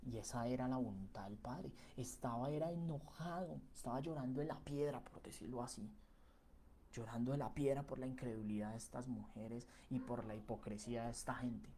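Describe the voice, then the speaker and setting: A man's voice: mid-range voice, brisk, warm tone, a little hiss or hum. A man giving a Bible reflection in a conversational way, with many fillers and tag questions. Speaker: preacher.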